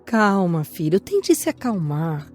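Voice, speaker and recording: Give me a soothing mother spirit in an audio drama, husky, with a lively lilt. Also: fairly low pitch, slow pace, faint music behind, exaggerated voice. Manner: soothing, reassuring. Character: gentle mother spirit comforting her son.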